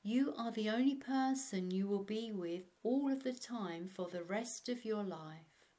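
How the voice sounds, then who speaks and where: Slow-paced woman guiding a meditation. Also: mid-range voice, warm tone. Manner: slow, measured, instructional delivery. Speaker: meditation guide. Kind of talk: guided meditation narration.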